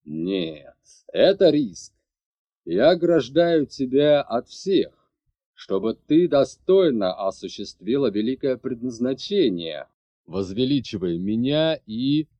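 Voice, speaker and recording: A man's voice: medium pitch, lively intonation, takes it slowly, mellow. A man voicing a stern, cold dragon lord father who speaks curtly and commandingly. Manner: curt, commanding. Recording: dull lo-fi audiobook recording.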